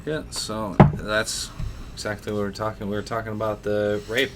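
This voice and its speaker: Casting: male podcast co-host, earnest, stop-start delivery with lots of fillers, slightly low voice. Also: level tone, a little hiss or hum. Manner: earnest, halting, full of fillers. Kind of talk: satirical podcast chat.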